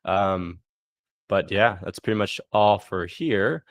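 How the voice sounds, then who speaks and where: A man casually walks through a software demo on a live screen share, thinking aloud as he clicks and marking steps with "boom." His voice is slow and creaky, and the recording is dry and studio quality.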